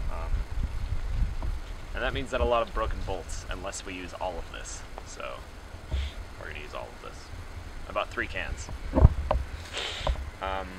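Laid-back young man, deep lively voice. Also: background noise. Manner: laid-back, swearing, dry. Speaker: car vlogger. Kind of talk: casual chat while working on a car. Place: outdoor driveway.

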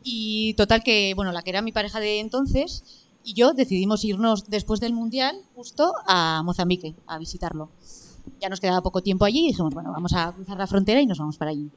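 A woman's voice: mid-range voice, fairly quick. A woman from Navarre, up from the audience, telling a story in an orderly, composed way. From Navarre, Spain. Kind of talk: casual anecdote on stage.

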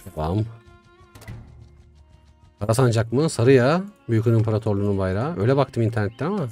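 A young man giving casual, chatty commentary while playing a strategy game, talking to himself with excitable swings. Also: fairly low pitch, a little fast. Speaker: gaming YouTuber. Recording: faint music behind.

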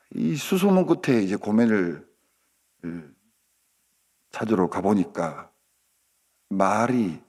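Low-voiced pastor acting out a story in a morning sermon, goes loud then hushed. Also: male voice, slightly rough. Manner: dramatic storytelling, swinging between loud outbursts and hushed asides. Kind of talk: dawn prayer sermon.

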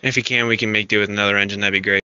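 Over a two-way emergency radio, a male fire incident commander issues directive, procedural orders very rapidly. His lowish voice barely shifts in pitch, and the lo-fi radio audio is dull with faint static.

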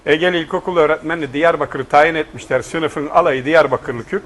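Aegean Turkish man, higher voice, animated storyteller doing dialect impressions, faint background hum. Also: fairly quick. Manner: animated, laughing, mimics regional speech. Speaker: guest storyteller. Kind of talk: casual chat, telling jokes and anecdotes.

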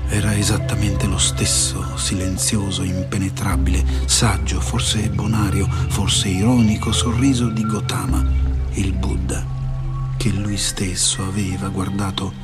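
A man narrating a literary audiobook in a warm, slow, contemplative and often hushed voice. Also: low-pitched. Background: faint music.

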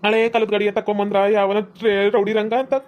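A woman voicing a grumpy old village man with a North Karnataka accent, complaining loudly in a cartoon comedy. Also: mid-range voice, monotone, fast, muffled recording, natural voice. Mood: ranting. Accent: North Karnataka Kannada.

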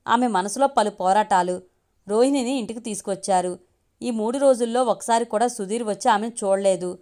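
A woman's voice: medium pitch, darkish tone. A young woman reading a love story aloud as a storyteller, voicing every character's dialogue in her own voice.

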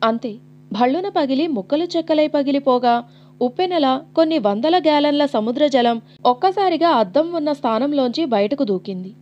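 A woman narrator reading a novel aloud in an expressive, dramatic storytelling manner. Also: high-pitched, moderate pace, highs cut off. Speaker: audiobook narrator.

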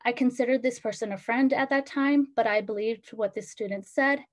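Pausing often, an Ecuadorian teenager with a slightly high voice shares sincere personal testimony as a student panelist. She's speaking over a video call.

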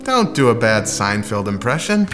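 A man begs and scolds his friend in a comedy sketch, his voice rising and falling in lively swings. A clear music track plays under him throughout. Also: medium pitch, normal speed. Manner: pleading, exasperated. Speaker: sketch partner.

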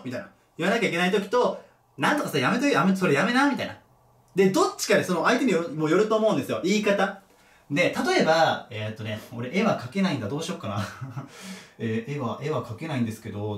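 A male teacher giving a casual lecture, thinking aloud and correcting himself as he goes. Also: on the high side. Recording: echoey room, mic at a distance.

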